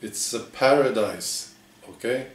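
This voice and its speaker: A man in his forties presenting a parody news monologue in a deadpan, halting, mock-earnest way. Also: mid-range voice. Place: living room with bare walls, indoors. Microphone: camera a few metres away. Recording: echoey room, distant microphone.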